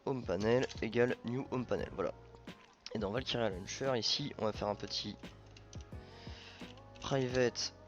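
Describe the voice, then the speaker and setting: A man's voice: medium pitch, measured pace, pauses often, dull audio, soft background music. A man hosting a programming tutorial, thinking aloud informally with many fillers and self-corrections. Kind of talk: casual coding screencast narration.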